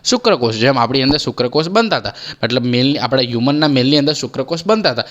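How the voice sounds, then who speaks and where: A man's voice: mid-range voice, lively intonation, fast, a bit bright, dull audio. A young man with a Gujarati accent teaching an exam-prep biology lesson, asking questions and answering them himself, repeating each key term. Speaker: biology tutor.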